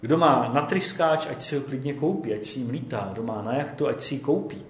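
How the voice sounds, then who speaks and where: A man preaching a conversational sermon, often checking in with his listeners with a quick "jo?". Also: medium pitch, expressive, reverberant.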